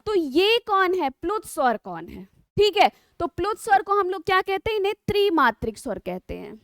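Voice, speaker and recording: Woman teacher, really high voice, dry close sound, slow patient explaining, keeps asking the kids questions. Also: very animated, fairly bright tone, no room sound. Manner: patient, drawn-out explaining with frequent rhetorical questions to students. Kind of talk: online exam-prep lesson.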